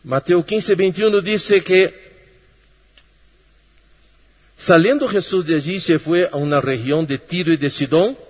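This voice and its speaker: A man preaching a sermon slowly, with long pauses, sinking low and soft and then lifting his voice. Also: slightly rough. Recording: long reverb of a hall.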